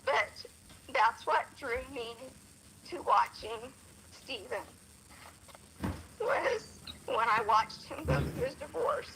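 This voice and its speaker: A woman's voice: fairly high pitch, big pitch swings, takes it slowly, long pauses, a bit bright, a little hiss or hum, low-quality recording. A woman calling in over a phone speaker, talking earnestly and apologetically while trying not to cry. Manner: earnest, apologetic, holding back tears. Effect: heard over a phone speaker. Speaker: caller on a live stream. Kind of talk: emotional personal testimony.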